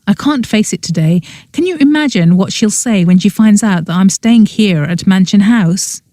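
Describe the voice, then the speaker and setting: A grumpy young witch, voiced by a woman narrator in a cozy mystery audiobook. She is wry and grudging, with a mellow tone in a dry recording. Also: medium pitch, expressive, normal speed, no echo, natural voice. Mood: grumpy, reluctant. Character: grumpy, reluctant young witch, wry about her family.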